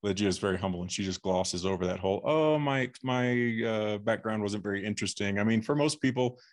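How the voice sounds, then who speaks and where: A middle-aged man from Texas telling his life story as a podcast guest, halting with many fillers and restarts. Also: fairly low pitch. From Texas, USA. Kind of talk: casual interview storytelling.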